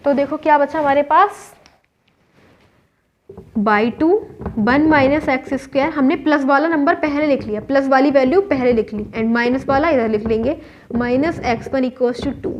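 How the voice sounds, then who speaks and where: A woman's voice: high voice, measured pace, slight background noise. A woman maths teacher with an Indian accent, explaining a whiteboard lesson step by step and asking and answering her own questions. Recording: dull lo-fi recording.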